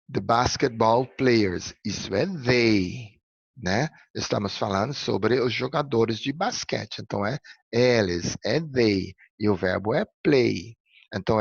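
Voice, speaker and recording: A man's voice: on the low side, creaky, breathy edge, no room sound, lo-fi sound. A man from Brazil teaching an English lesson, explaining step by step and often checking in with "ok?" and "alright?". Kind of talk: recorded classroom lesson.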